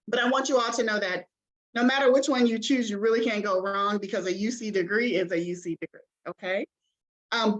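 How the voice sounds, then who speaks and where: A woman's voice: fairly high pitch, dull audio. A woman admissions representative giving an online information session over a video call, chatty and encouraging, with many ums and okays.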